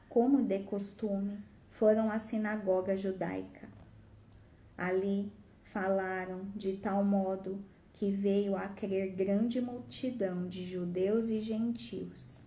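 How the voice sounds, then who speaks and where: A woman reading a Bible passage aloud in a measured, steady way. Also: mid-range voice. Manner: measured, steady delivery with small slips. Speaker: scripture reader. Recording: roomy echo.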